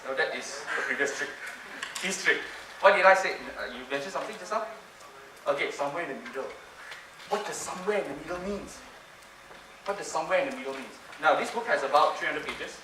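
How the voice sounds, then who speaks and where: A man's voice: a little high, quick pace. A man giving a playful, interactive conference talk, coaxing the audience and repeating his phrases. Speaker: conference speaker doing a mind-reading trick. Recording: roomy hall, distant mic, background noise. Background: audience laughter and room ambience.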